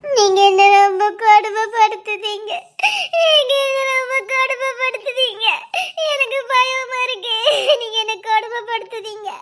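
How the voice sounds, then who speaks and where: A frightened young wife played by a woman in a web drama, with a very high, thin voice and a Tirunelveli Tamil accent. She sounds tearful and scared, and her lines come out shaky. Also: normal speed, long pauses, a bit bright.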